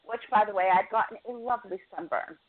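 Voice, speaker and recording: A woman's voice: mid-range voice, fairly even intonation, quick pace. Chatty woman on tinny phone-like audio. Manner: chatty storyteller, rattles off match results. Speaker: podcast co-host. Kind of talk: casual podcast chat.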